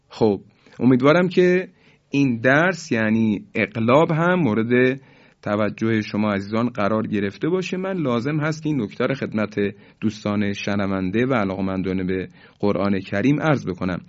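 Calm male recitation teacher, slow drawn-out examples. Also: on the low side, highs cut off. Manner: calm, patient explaining, slowly drawing out example words in recitation. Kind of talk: tajweed lesson for listeners.

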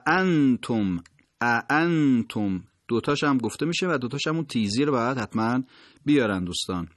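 A man teaching recitation at a mid pitch in a dry, close recording. He moves quickly through his explanations, then slows down to sound out words one by one. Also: animated, no room sound. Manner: explains quickly, then slowly and carefully sounds out each word as an example. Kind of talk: recitation lesson, explaining pronunciation.

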